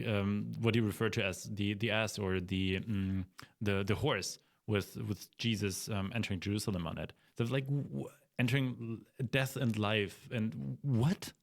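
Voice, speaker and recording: A man giving unscripted reaction commentary, halting and dismissive as he picks apart claims. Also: on the low side.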